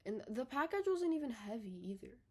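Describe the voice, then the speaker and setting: A young woman in her own bedroom, rambling in a casual, unedited video diary. She is out of breath, swears casually, corrects herself often and lets her sentences trail off softly. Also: on the high side, sing-song, brisk, husky. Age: young adult. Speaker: vlogger.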